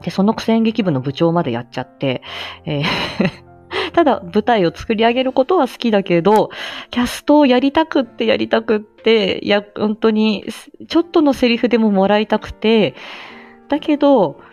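An amateur voice drama actor and livestream host chats casually and reflectively, sounding self-effacing and hesitant and often trailing off mid-phrase. Her voice sits on the high side, expressive and darkish in tone, at a normal speed. The recording is muffled, with faint music behind her.

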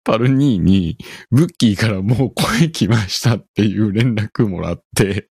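A middle-aged man with a Kansai accent hosts a casual solo chat. His voice sits very low, yet he swings it up and down as he rambles through an animated story. The recording is close and dry, with no room sound. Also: moderate pace, gravelly, breathy edge, no echo. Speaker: podcast host.

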